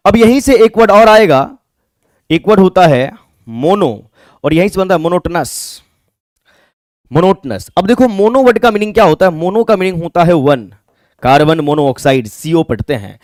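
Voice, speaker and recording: A man with a Bihari Hindi accent teaches exam vocabulary in a fairly high voice, asking questions and then answering them himself. He spells words out letter by letter. The sound is dry and close, with no room around it. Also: lively intonation, normal speed, a little mellow, no echo. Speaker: English teacher. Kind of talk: exam-prep vocabulary lesson.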